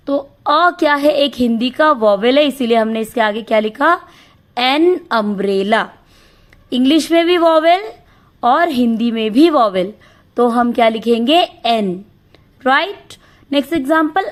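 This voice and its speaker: High-voiced, unhurried woman teaching grammar. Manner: asks questions and answers them herself, repeats key words; reads English rules slowly, word by word. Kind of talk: classroom grammar lesson.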